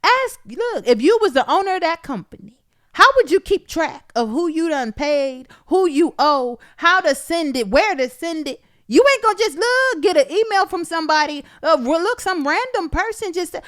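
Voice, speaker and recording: Animated woman podcast host, lively pitch. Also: normal speed. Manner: animated, ranting, says "look" constantly. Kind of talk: casual instructional monologue.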